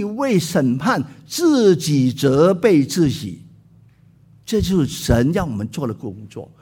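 A man's voice: high-pitched, a little mellow, slightly rough. A man preaching a sermon, emphatic, repeating key words and exclaiming often.

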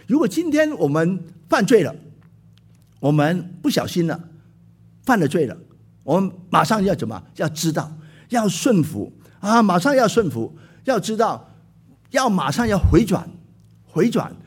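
Husky, lively preaching man. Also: high-pitched, measured pace, long pauses. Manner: emphatic, repeats key words, exclaims often. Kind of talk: sermon.

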